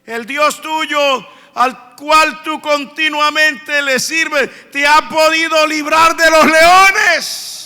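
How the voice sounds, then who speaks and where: A man's voice: very high-pitched, steady tone, moderate pace, sharp tone, voice pushed up, heavily acted. A preacher acting a grieving ancient king. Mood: calling. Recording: long church reverb.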